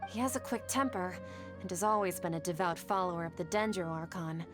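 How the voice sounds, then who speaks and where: An actress playing a kind, anxious young woman scholar in a video game, speaking gently and with concern. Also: lowish voice, fairly quick, music in the background, close to an everyday voice.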